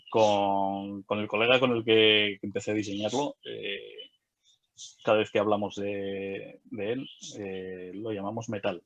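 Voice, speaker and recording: A man's voice: fairly low pitch, lo-fi sound. A middle-aged man, talking casually in an interview, hesitant with many fillers and restarts. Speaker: game designer and illustrator.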